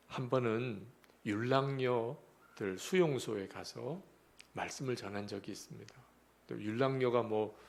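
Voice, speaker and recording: A man preaching a revival sermon in a church, telling a story and moving between hushed whispers and emphatic pleas. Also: mid-range voice, vocal fry. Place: church sanctuary.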